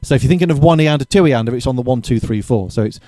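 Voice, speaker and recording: A man giving a casual drum lesson, chatty and relaxed, correcting himself and counting beats aloud, with drums played between his explanations. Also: medium pitch, racing, no echo. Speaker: drum teacher. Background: drumming between explanations.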